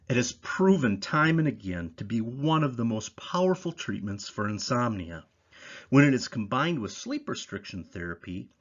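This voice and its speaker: A man reading scripted educational material in a measured, didactic way, stressing key points like a presenter. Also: medium pitch, highs cut off. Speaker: presenter of a sleep education series. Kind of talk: scripted instructional narration.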